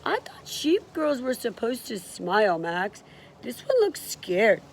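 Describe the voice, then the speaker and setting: A woman's voice: fairly high pitch, big pitch swings, slow, gravelly, slight background noise, full character voice. A woman reading aloud voices a sly, boastful male art thief with a showy, grandiose manner. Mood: uneasy.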